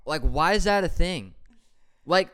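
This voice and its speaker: A man's voice: a little high, expressive, a little slow, fairly bright tone, clean tone. A man co-hosting in casual banter, with trouble saying R's, which sound closer to W's. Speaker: podcast co-host.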